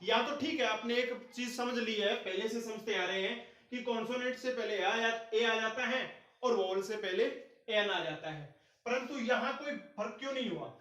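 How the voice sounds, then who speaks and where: A high-pitched male teacher explains grammar. He asks questions and answers them himself, and drills each point. His voice booms around a very echoey room, heard from some distance from the mic. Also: moderate pace, sharp tone. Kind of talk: classroom-style grammar lesson.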